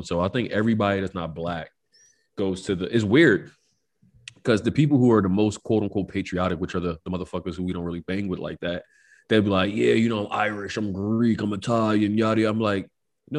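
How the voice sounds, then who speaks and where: Podcast co-host, man, very deep voice, loose and slangy, animated. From United States. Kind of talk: casual chat.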